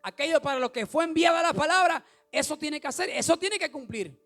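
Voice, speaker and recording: A male pastor, preaching an animated sermon that rises to shouts and puts questions to the congregation. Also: very high-pitched, a little fast, faint music behind.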